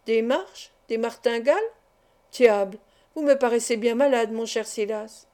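A man's voice: very high voice, a little slow, a little mellow, clear, resonant tone. A woman reading the part of an impudent, ironic male gambler who stays coolly confident, in a storybook narration. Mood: coaxing.

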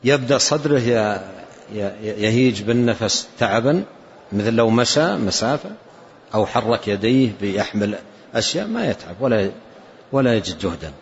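A man's voice: lowish voice, animated, moderate pace. Older Saudi man explaining religious text. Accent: Saudi Arabian. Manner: repeats key phrases for emphasis. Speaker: Islamic scholar giving a lesson. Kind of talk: religious lesson commentary. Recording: dull lo-fi lecture recording.

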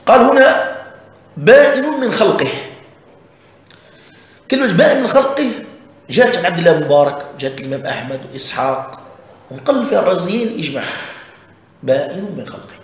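A man gives a religious lesson, explaining a text point by point and often stopping to check that his listeners follow. His voice sits a little high and he talks fast. The room is strongly echoey. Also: very animated. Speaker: religious teacher.

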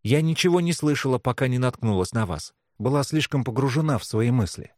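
A man reading an audiobook, voicing a calm, timid young healer girl who speaks quietly and politely. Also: medium pitch, brisk, dry recording, studio quality, close to an everyday voice. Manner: quiet and polite, gently apologetic. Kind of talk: audiobook character voice.

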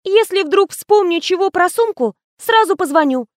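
A woman's voice: extremely high pitch, expressive, moderate pace, no echo, clean studio sound, pitched above the performer's own voice. A woman reading an audiobook, voicing a silly, gushing young female PR assistant in a whiny, chattering manner.

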